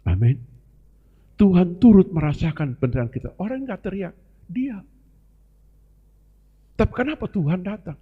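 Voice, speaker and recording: A man's voice: high-pitched, animated, moderate pace, pauses often, breathy edge. A male pastor preaching a sermon to a congregation, often addressing them directly as brothers and sisters. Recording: long reverb, dull lo-fi sound, live broadcast.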